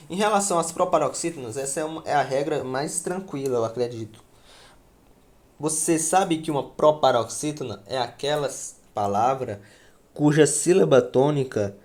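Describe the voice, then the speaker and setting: Guy teaching grammar, kinda high voice, talks slow and keeps asking "right?". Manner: slow, repeats words and asks "certo?". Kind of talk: grammar lesson at a board.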